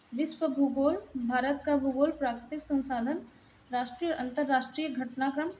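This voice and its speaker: A woman's voice: high-pitched, darkish tone, a little hiss or hum, rough recording. A young woman giving a casual exam-prep lesson, explaining plainly while pointing things out in a book.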